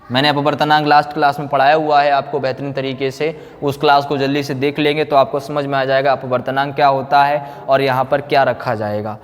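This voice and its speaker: A man teaching a physics lecture explains formulas didactically, often asking and then answering his own questions. His medium-pitched voice stays level and brisk with hardly any pauses, while the room adds echoey, hall-like reverb.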